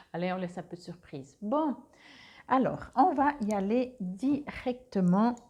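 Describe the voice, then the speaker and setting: A woman's voice: medium pitch, animated, slow, darkish tone. A woman doing a casual monthly card reading on a clip-on mic, hesitant, with many fillers and restarts. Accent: Swiss French. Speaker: tarot card reader.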